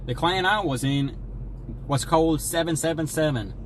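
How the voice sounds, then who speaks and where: A man's voice: fairly high pitch, moderate pace, slight background noise, low-quality recording. A young man livestreaming, chatting casually while eating, in a jokey, folksy put-on American drawl. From Sweden. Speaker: streamer.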